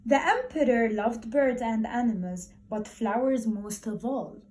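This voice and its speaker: Speaking to young children, a woman primary school teacher reads aloud and chats in an encouraging, expressive manner, repeating words to stress them. Her pitch is fairly high and her pace measured, with a faint hiss or hum in the audio.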